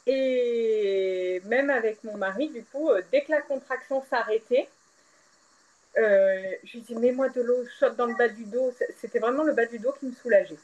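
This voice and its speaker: A young woman, a podcast guest, candidly recounting a personal story and acting out the quoted dialogue with lively swings in her voice. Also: normal speed, dull audio. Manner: animated, acts out quoted dialogue with big pitch swings. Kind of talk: candid storytelling about childbirth.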